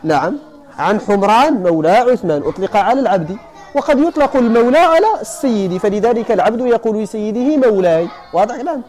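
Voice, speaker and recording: A man with a Moroccan accent giving a classroom lecture on hadith terms, explaining each point and often asking his students whether it is clear. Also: sits high, animated, fast talker, a little mellow. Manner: explains then checks if students follow. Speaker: teacher of hadith sciences.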